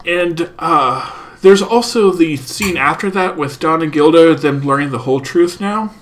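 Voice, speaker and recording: Co-hosting a casual anime review podcast, a man works through his notes on an episode in a steady, agreeable way. His pitch is fairly high and his pace a little slow.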